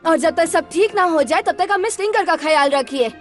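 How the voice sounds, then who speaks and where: Brief: woman as a young cartoon boy who is clever and earnest. Very high, eager and chatty. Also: normal speed, soft background music. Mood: worried. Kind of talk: animated cartoon dubbing.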